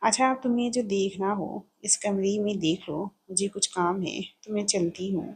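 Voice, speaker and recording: A gentle young married woman in a read-aloud family story, patient and fond of light teasing, voiced by a woman storyteller. The voice is husky and breathy at a middle pitch. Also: steady tone, normal speed.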